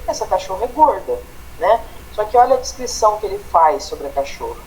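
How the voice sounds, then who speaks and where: A Brazilian-accented male teacher talks through a grammar class in a patient, explanatory way. He keeps tagging his points with quick checks to his students. The room has a faint hiss behind him. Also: high-pitched, big pitch swings, a little mellow, poor audio. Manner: explanatory, tags phrases with "né?" and "tá?". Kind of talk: online grammar lesson.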